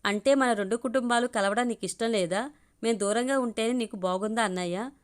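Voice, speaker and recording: A woman voicing a quick-tempered, spirited young woman in a spoken audio story. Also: fairly high pitch, close to an everyday voice. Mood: pleading.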